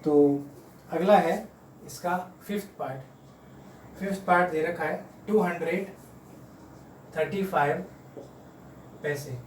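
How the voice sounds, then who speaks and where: A man teaching a home math lesson to children, patiently repeating each number slowly. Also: on the high side, a little mellow, distant mic. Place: room at home. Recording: roomy, off-mic, faint hum.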